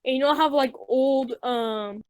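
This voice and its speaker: A woman's voice: sits high, measured pace, a little mellow, no echo. A young woman from Mexico, co-hosting a casual podcast and rambling through tangents with lots of fillers. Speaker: podcast co-host. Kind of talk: casual chat.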